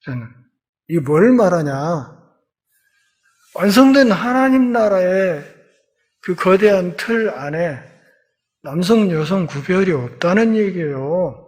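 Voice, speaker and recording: Lively, folksy male pastor preaching. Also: high-pitched, takes it slowly, pauses often. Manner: lively, folksy, acts out quoted voices with humor. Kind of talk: Bible lecture sermon. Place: church.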